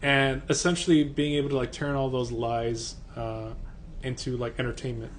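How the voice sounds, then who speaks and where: A man's voice: mid-range voice, little pitch movement, moderate pace, slight background noise. Rambling man on a casual podcast. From United States. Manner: rambling, heavy use of filler words. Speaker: podcast co-host. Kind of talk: casual chat.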